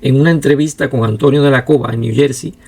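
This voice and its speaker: A man narrating a history documentary in a measured, steady way. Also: mid-range voice, creaky.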